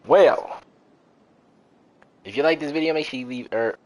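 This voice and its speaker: A man with a voice on the high side talks at normal speed over a noisy background of video game music. He's a live streamer, rambling and swearing in loose slang during casual gaming chat.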